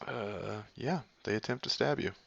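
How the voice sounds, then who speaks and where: A man's voice: lowish voice, normal speed, vocal fry, dull audio, a little hiss or hum. A man narrating a tabletop game as game master in an informal way, given to humming and sing-songing between rulings.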